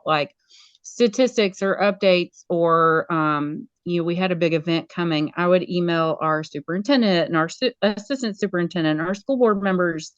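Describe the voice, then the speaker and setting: A woman, a school media specialist, talking casually as an interview guest in an animated way. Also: fairly low pitch, clear, resonant tone, dry recording, dull audio. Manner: animated, acts out quoted voices.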